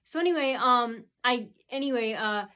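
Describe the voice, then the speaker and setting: A vlogger from the United States speaks in a slightly high, sharp, clean voice at a moderate pace. She wanders through a loose, casual monologue stuffed with um and uh fillers, restarting again and again with "so anyway."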